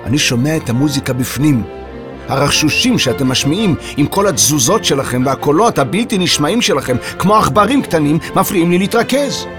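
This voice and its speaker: A man voicing a grumpy, hard-of-hearing old composer who shouts irritably in a children's audio story. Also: medium pitch, fairly even intonation, few pauses, over music, natural voice. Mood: grumbling.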